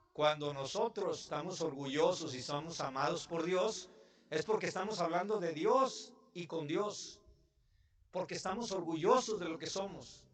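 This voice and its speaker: A man's voice: on the high side, fairly bright tone. A man from Mexico preaching a sermon in church, talking to the congregation in a conversational way and putting questions to them. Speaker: pastor.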